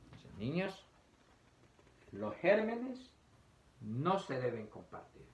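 A man's voice: fairly high pitch, sing-song, slow pace, lo-fi sound. A man teaching young children, reading a picture book aloud, asking them questions and acting out sneezes and coughs.

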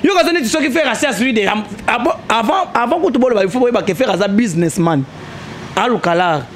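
Mixing French and Lingala, a young man argues animatedly in a heated but casual debate, his emphasis climbing as he pushes his points. He speaks at a quick pace in a high-pitched voice, captured in a small indoor studio on a handheld mic held toward him, with slight background noise.

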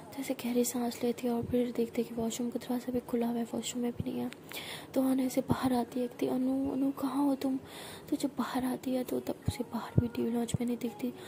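High-voiced woman, whispered storytelling. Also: completely flat delivery, fast. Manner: soft murmured narration. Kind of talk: whispered role-play. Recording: noisy recording.

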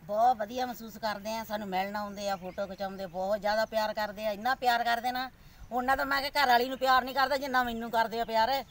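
A woman's voice: fairly high pitch, steady tone, fast, recorded from a distance, a little hiss or hum. A woman in her forties with a Punjabi accent, talking casually as an interview guest outdoors. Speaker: social media comedian being interviewed. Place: outdoors in a leafy park.

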